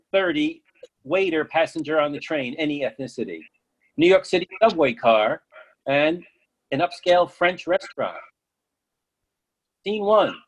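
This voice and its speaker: A man narrates a script's stage directions in a theatre reading. His voice sits a bit high and has a husky, rough edge. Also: rough recording.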